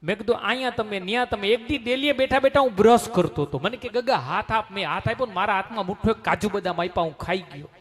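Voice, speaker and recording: A man delivers a folksy comic anecdote. His voice sits high, and he speaks rapidly. He acts out each exchange in his own voice as he goes. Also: fairly bright tone. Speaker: stand-up comedian. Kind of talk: comic storytelling.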